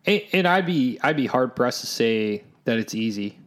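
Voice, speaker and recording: A man's voice: medium pitch, animated, moderate pace, fairly bright tone. A man co-hosting a casual Bible discussion, speaking plainly and in an easygoing way. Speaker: podcast co-host.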